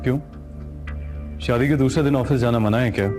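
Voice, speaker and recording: An actor as a curt, dismissive young groom. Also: male voice, mid-range voice, fairly quick, close to an everyday voice. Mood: cold. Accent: Pakistani Urdu. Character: cold, curt young groom brushing off his bride. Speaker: new husband. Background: loud background music.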